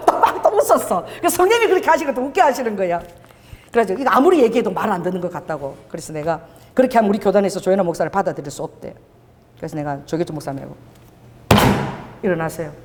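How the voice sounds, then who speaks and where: A middle-aged woman pastor giving a sermon, telling stories and acting out what people said to her. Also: on the high side. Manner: animated, storytelling, acts out quoted dialogue. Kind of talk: sermon with told anecdotes. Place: church sanctuary. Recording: long church hall reverb.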